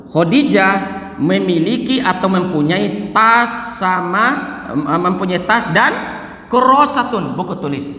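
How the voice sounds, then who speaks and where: A man teaching a beginner grammar lesson, repeating example phrases slowly and then translating them. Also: high voice, pushed and bright. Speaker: Arabic teacher. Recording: echoey room with long reverb.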